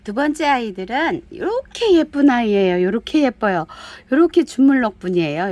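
A woman chatting warmly as she shows off handmade flowerpots, gushing over each one and reading out their sizes in a dim indoor room. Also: medium pitch. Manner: gushing, chatty, calls pots "kids". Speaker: pottery shop seller. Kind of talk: product showcase video.

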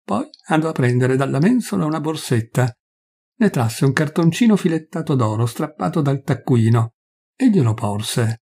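Husky male reader, mid-pitched, for a measured classic-story audiobook. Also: animated, mellow. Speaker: narrator. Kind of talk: literary audiobook reading.

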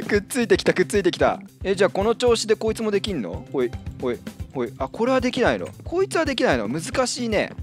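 A man hosting a casual gameplay commentary, reacting out loud and yelping when startled. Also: sits high, a little fast, faint music behind. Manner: excitable, yelps and laughs when startled. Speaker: Minecraft let's-play host.

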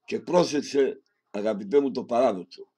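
A man reading a homily aloud in a solemn, measured way, speaking directly to the listener and closing with prayers. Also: medium pitch, mellow, husky. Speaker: reader of a sermon.

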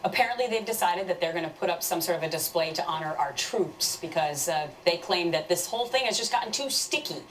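A woman hosting a TV morning show, presenting and questioning a guest in a brisk, probing way. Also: on the low side, lively intonation, a bit bright, distant mic, a little hiss or hum, rough recording. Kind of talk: live TV news interview.

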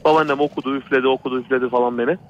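A man's voice: medium pitch, steady tone, racing. A man calling in to a radio show, telling a true horror story in a rambling, repetitive way that keeps circling back to "he said" and "brother". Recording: dull lo-fi radio broadcast.

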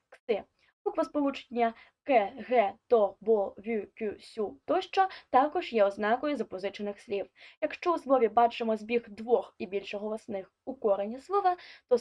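A woman's voice: a little high, a little mellow. A woman teaching an online language lesson, reading scripted explanations and listing examples one by one. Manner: clear, deliberate listing of examples. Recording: dull lo-fi audio.

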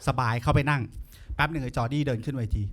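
A man's voice: medium pitch, rapid-fire. A man doing stand-up comedy on a club stage, telling stories with lots of swearing and acting out the people in them. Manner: animated, profane, acts out quoted people.

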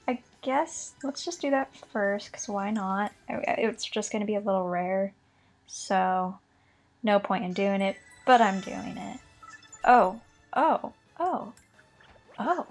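A young woman chatting through her game pulls in a bubbly, gushing way, giggling and apologizing as she goes. Her voice sits a little high, and she sounds a bit under the weather. Soft game music plays faintly behind her. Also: low-quality recording. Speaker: gaming vlogger. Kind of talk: casual gacha pull commentary.

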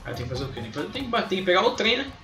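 A young Brazilian man chats through a game stream in slangy, sweary rambles. His voice sits high and moves up and down a lot, in a roomy space with faint game music behind it. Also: sing-song, very fast. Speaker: gaming live streamer. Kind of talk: casual live game commentary.

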